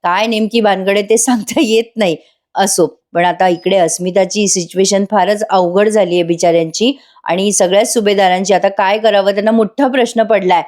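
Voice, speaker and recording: A woman's voice: mid-range voice, steady tone, normal speed, darkish tone. Chatty woman recapping a TV serial. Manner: chatty, addresses viewers directly. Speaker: TV serial reviewer. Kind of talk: voice-over episode recap.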